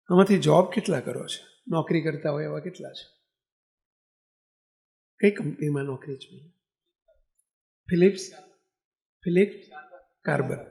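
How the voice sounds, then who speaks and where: A man's voice: fairly high pitch, vocal fry, a little mellow. An older man, a swami, delivering a storytelling sermon to a temple congregation and asking the listeners rhetorical questions. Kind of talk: Gujarati religious discourse. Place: temple assembly hall.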